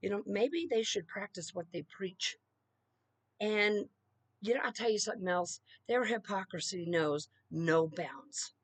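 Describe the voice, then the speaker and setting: A woman's voice: mid-range voice, unhurried, no echo. A middle-aged woman delivering an emphatic solo political rant, punctuating her points with "okay?" and "you know.". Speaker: political commentator.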